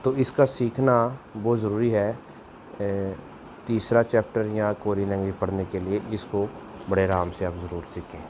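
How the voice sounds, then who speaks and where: A man's voice: fairly low pitch, steady tone, moderate pace, background noise. A man, giving a video language lesson, explaining patiently and repeating words for practice. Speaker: language teacher.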